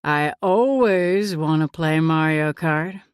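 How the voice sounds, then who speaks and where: A woman's voice: sits low, takes it slowly, clear, resonant tone, dry recording, clean studio sound. A woman voicing a teasing, charming surfer guy. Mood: easy teasing. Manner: relaxed, teasing. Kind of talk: audiobook character voice.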